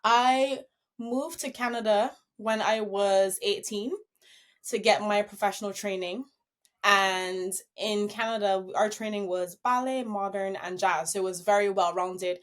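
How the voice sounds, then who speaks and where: A young woman from Barbados, a professional dancer, telling her story as an interview guest, upbeat and quick to laugh. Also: mid-range voice, steady tone. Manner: upbeat, laughs easily while telling stories.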